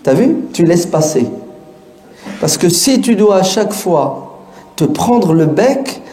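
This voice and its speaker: A man preaching in an easygoing, street-casual way, peppering his listeners with rhetorical questions. His voice sits fairly high yet sounds soft and mellow. The room around him is roomy and echoey. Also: very animated, slow. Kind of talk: colloquial sermon to an audience.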